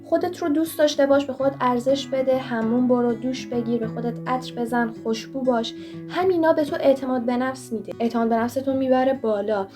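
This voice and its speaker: A young woman talks straight to the camera and hands out self-help tips in a firm, coaching tone. Her voice sits a little high. Guitar music plays clearly under her. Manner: direct, coaching, speaks straight to the viewer. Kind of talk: motivational advice monologue. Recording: voice over clear background music.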